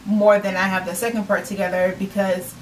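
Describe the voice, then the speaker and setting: A woman's voice: mid-range voice, flat delivery, a little fast, far from the mic, poor audio. An earnest woman in her twenties speaks in a casual, reflective vlog manner, often repeating a phrase to press a point home. Her voice sits a little back from the microphone, with a faint hiss underneath. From United States. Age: 20s. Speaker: self-published author.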